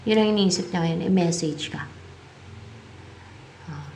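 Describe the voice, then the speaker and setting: A woman's voice: lowish voice, measured pace, a little mellow, slight background noise. A woman with a Filipino accent giving a tarot reading, musing aloud as she asks and answers her own questions. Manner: mixes English tarot terms into her talk. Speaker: tarot reader.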